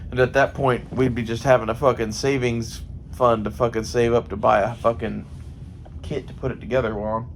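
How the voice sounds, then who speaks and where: At a moderate pace and level tone, a medium-pitched American man, a gun hobbyist vlogger, rambles casually, thinking aloud and swearing freely. The recording carries faint background noise.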